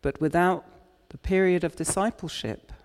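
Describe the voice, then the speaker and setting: A man preaching a sermon in church, retelling scripture in an unhurried, reflective way. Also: high voice, fairly even intonation. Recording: long church reverb.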